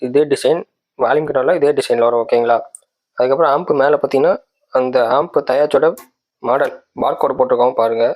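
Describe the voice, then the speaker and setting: Casual and methodical, a man from a tech channel demonstrates a product one step at a time, pausing often to make sure viewers are with him. His voice is medium in pitch and somewhat dark.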